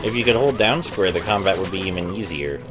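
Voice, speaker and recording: Low-voiced man casually narrating a game. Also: fairly quick, noisy background. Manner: rambling, hesitant. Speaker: Let's Play host. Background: video game music.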